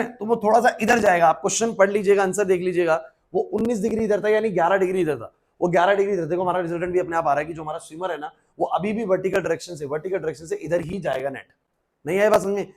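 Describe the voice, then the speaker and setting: A male physics teacher lecturing a class, quizzing students by name and repeating his questions. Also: high-pitched. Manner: repetitive questions, urging focus.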